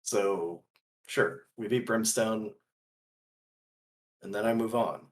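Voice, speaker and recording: A man playing a principled, earnest gunslinger in a tabletop role-play, speaking deliberately in halting phrases. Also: on the low side. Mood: earnest, resolute.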